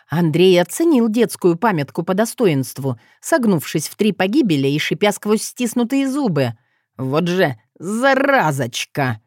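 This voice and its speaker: A woman's voice: on the low side, a little mellow, no echo, clean studio sound. A woman narrating an audiobook, reading expressively and voicing the dialogue. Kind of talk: scripted narration.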